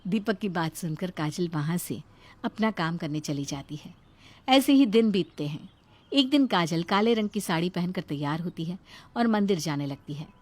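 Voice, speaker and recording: A woman giving steady scripted narration for a cartoon moral story. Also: on the low side, normal speed.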